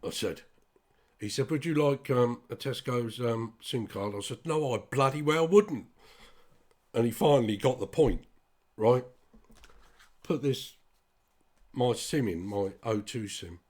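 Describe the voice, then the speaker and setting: A man's voice: mid-range voice, unhurried, pauses often, darkish tone. A British man talking straight to his listeners in a blunt, sweary, rambling monologue. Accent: British English. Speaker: vlogger. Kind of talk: casual ranting monologue.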